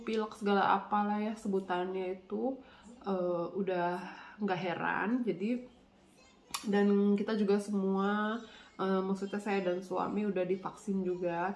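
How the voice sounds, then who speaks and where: A woman's voice: medium pitch, darkish tone. A woman with a blocked, nasal voice from a cold, chatting casually as a vlogger while she eats. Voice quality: congested, stuffy-nosed nasal voice. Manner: chatty, colloquial, often speaking between bites. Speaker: vlogger, channel host. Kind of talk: casual chat while eating, mukbang vlog. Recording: roomy echo, faint background noise.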